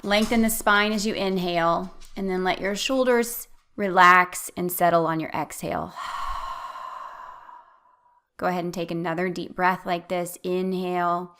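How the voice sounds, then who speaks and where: A woman with a slightly low voice leads a guided meditation. Her delivery is gentle and soothing, giving calm, clear instructions as a meditation guide. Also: normal speed, few pauses.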